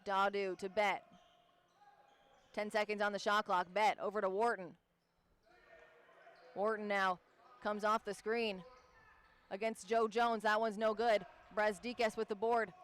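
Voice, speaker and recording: A man calling live basketball play-by-play, rattling off plays, names and the shot clock at a brisk clip. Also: high-pitched, little pitch movement, fairly bright tone. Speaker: play-by-play commentator. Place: gym broadcast booth.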